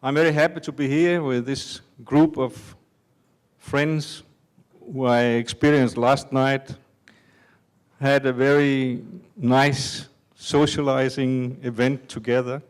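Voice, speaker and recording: An older man from Denmark giving a conference talk in an unhurried, halting way with many fillers. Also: medium pitch, little pitch movement. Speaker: conference speaker. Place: conference hall.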